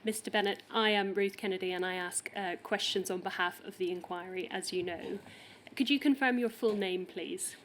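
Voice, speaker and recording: A woman's voice: medium pitch, normal speed, fairly bright tone, slight background noise. A woman with a Northern Irish accent, questioning a witness at a formal hearing in a polite, methodical way. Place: inquiry hearing room.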